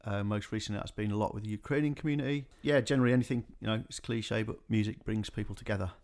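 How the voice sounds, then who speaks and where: A man speaking as a guest in a radio interview, talking about his music organisation in a relaxed, rambling way with many fillers. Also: on the low side, racing.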